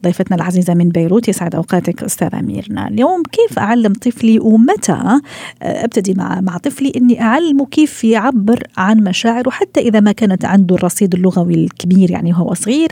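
A woman hosting a radio talk show, talking very fast in a soft, mellow voice. She keeps the conversation moving with quick affirmations. The sound is close and dry. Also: mid-range voice, gravelly, breathy edge, no echo. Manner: quick, engaged, affirming interjections.

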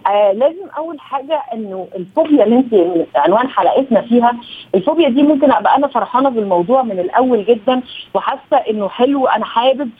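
A woman's voice: a little high, animated, racing, slightly rough. A woman with an Egyptian accent, a psychological and family consultant guest, explaining advice in a practical way and often restarting her words. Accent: Egyptian Arabic. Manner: practical, with many self-restarts. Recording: tinny phone-like remote line.

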